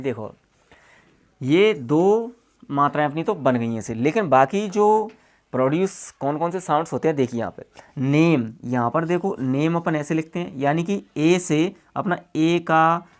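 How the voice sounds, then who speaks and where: A male teacher walks through examples at an unhurried classroom pace. He talks in a casual, everyday way, often checking in with "okay" and "see here." He spells words letter by letter and repeats each one so it sinks in. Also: on the high side. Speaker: English teacher. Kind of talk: classroom-style explanation.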